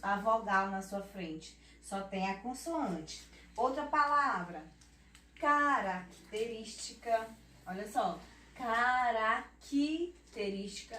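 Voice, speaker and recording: A Brazilian woman teaching young children, spelling words out slowly and checking in with them, recorded off-mic in an echoey room. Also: mid-range voice, far from the mic. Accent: Brazilian Portuguese. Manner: slow, drawn-out word spelling with tag questions; affectionate teacher talk, calls herself auntie. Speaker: primary school teacher. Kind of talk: children's lesson.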